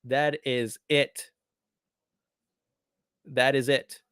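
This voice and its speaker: A man hosting a live soccer watchalong for his viewers, talking excitedly and slipping into when emotional. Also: mid-range voice, extremely slow, smooth, dry recording, studio quality. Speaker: watchalong host. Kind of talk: live match commentary to viewers.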